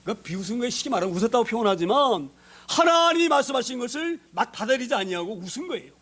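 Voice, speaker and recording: Guy preaching a sermon, pretty high voice, keeps asking the room questions, chatty style. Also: very animated, very fast, a bit bright. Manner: conversational preaching, asks the congregation questions. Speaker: pastor.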